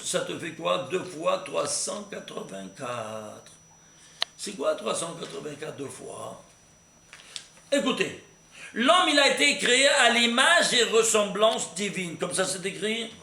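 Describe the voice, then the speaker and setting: A man teaching a recorded Torah class, animated and constantly quizzing his listeners with questions. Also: high-pitched, slow pace, creaky. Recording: echoey room with faint noise.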